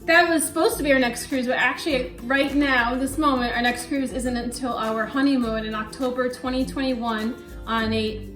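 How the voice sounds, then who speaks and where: A chatty woman with a high, light voice hosts a relaxed question-and-answer chat at home and giggles between her remarks. Her voice sounds echoey in the room, with faint music underneath. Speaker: host.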